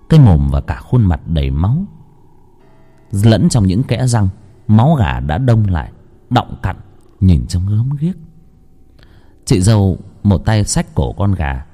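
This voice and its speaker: Man, horror narration, low voice, lively swings in pitch, suspenseful, faint music behind. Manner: dramatic, slow and suspenseful. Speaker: storyteller.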